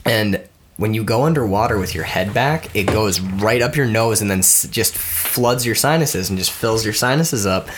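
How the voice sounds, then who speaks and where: There's background noise behind this lowish male voice, speaking at a normal speed. The young co-host of a casual podcast, congested from a cold, laughs his way through a rambling story.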